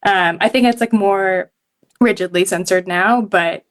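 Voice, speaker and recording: A woman's voice: medium pitch, unhurried. A woman from Hong Kong, a journalist guesting on a podcast, talking casually with lots of fillers and frequent laughs. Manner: chatty, many fillers, laughs often.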